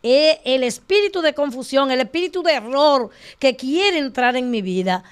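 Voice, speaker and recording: High-voiced woman teaching with emphasis. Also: expressive, normal speed, clean tone. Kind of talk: casual faith discussion.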